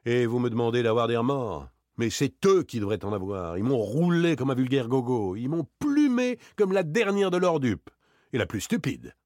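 A man reading an audiobook, voicing a suave, proud gentleman burglar with ironic, theatrical outbursts. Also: medium pitch, sing-song, moderate pace, no echo, clean studio sound, pitched above the performer's own voice. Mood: furious.

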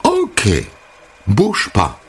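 A woman's voice: fairly low pitch, huge pitch swings, drawn-out words, very noisy, voice pushed up, heavily acted. A man voicing a bubbly, chatty American woman hairdresser with squealing exclamations. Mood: eager.

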